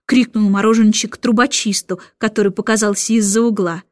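Expressive woman reading a storybook. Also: mid-range voice, fairly quick, no echo, studio quality. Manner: expressive, lively read-aloud. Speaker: narrator.

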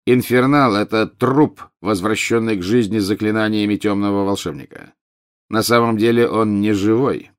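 A man voicing a cold, contemptuous male teacher who talks in a slow drawl. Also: lowish voice, fairly even intonation, smooth, natural voice. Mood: sneering.

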